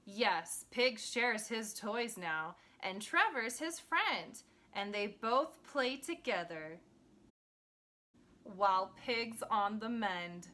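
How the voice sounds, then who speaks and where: A woman hosting a children's read-aloud, narrating a rhyming picture book in an expressive, child-friendly way. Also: medium pitch, slow.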